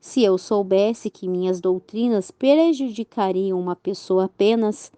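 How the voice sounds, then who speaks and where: A woman's voice: medium pitch, mellow, dry recording, close to an everyday voice. A woman voicing a troubled but resolute male church reformer in a read-aloud religious story.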